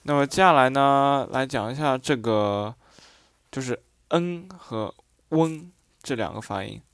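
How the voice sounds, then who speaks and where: A man teaches pronunciation, speaking slowly and carefully. He reads sample syllables aloud one at a time with pauses between them, and fills his explanations with hesitant "uh"s. The recording is dry and close, with no room sound. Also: medium pitch, fairly bright tone, smooth, no room sound. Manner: explains with frequent hesitation fillers. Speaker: dialect teacher. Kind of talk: phonetics lesson.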